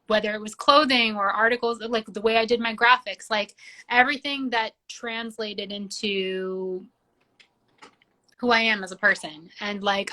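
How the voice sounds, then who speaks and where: A young Georgian singer-songwriter, whose native language is Georgian, chats casually as an interview guest, peppering her speech with "like." Her voice is medium-pitched and bright, with a forceful tone.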